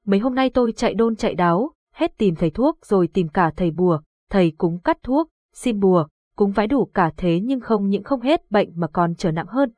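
A woman reading the lines of a grieving old village father in a horror audiobook, with a husky voice. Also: mid-range voice, expressive, normal speed, hardly any pauses, darkish tone, no room sound, natural voice. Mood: anguished. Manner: pleading, distraught.

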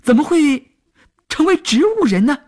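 Man doing a shrill brash old woman. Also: sing-song, unhurried, heavily acted. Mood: shocked. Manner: shrill, chattering, scolding. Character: brash loud retired older woman. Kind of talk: radio serial reading.

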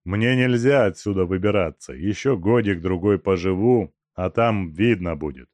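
A man reading an audiobook, voicing a brutal, mocking male robber chief in a loud, gruff, taunting voice. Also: sits low, normal speed, no room sound, natural voice. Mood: gruff, brooding. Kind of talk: audiobook character voice.

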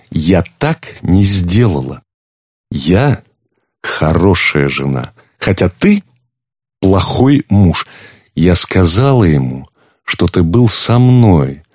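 Shrewd, reproachful wife, voiced lightly by a male audiobook reader; low register, dry recording. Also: a little mellow, no echo, exaggerated voice. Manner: firm, cutting, reproachful. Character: stern shrewd wife, woman, coldly in control. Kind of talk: audiobook reading.

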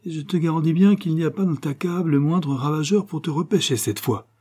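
A man's voice: mid-range voice, moderate pace, dark tone, slightly rough, voice pushed up, close to an everyday voice. A male reader voicing a cynical, murderous young bandit who talks in a coaxing, mocking, cold way.

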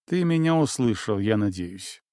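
A man's voice: on the low side, animated, moderate pace, warm tone, no echo, clean studio sound, natural voice. A man reading a prickly young necromancer girl. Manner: prickly and insistent. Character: sharp, suspicious young woman necromancer. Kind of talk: audiobook character voice.

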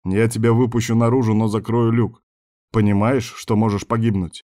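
Man doing a wary blunt soldier, dry grumbling talk, low man's voice, storybook reading. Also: little pitch movement, normal speed, mellow, close to an everyday voice.

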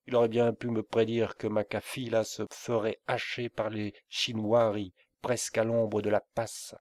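A man's voice: on the low side, little pitch movement, moderate pace, darkish tone, no room sound, close to an everyday voice. A man voicing a bitter merchant who grumbles about his stolen caravan. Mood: grumbling. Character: grumbling male merchant, bitter over robbed goods.

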